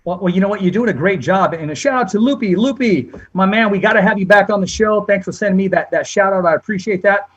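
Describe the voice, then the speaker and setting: Husky, high-voiced male interview host. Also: quick pace, hardly any pauses, muffled recording. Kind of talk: casual interview chat. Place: small room at home, indoors.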